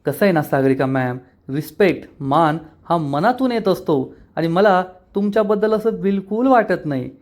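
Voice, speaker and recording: A man's voice: high voice, animated, moderate pace, hardly any pauses. A man voicing a defiant young heroine. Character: young woman heroine, defiant and sharp-tongued.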